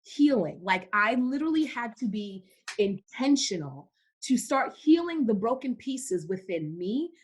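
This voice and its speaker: A woman's voice: a little high, big pitch swings, a little slow, slightly rough. A young woman from Cameroon, a podcast guest in casual faith-based conversation, who speaks emphatically and repeats words for stress.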